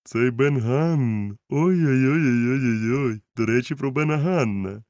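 A man's voice: mid-range voice, measured pace, darkish tone, no echo, pitched above the performer's own voice, natural voice. A man voicing a kindly, resolute grown doctor who talks urgently and firmly, in a storybook reading. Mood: earnest.

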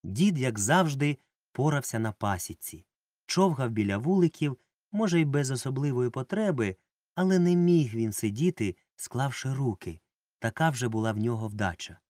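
A man narrating a children's story aloud with expressive delivery. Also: mid-range voice, normal speed, no echo, studio quality. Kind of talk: audiobook narration.

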